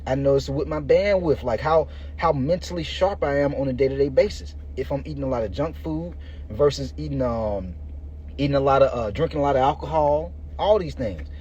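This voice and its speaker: A fitness coach in his thirties hosts a podcast, his dark, medium-pitched voice moving fairly quickly. He addresses listeners directly in a loose, slangy pep talk. Sound quality is lo-fi, muffled and noisy.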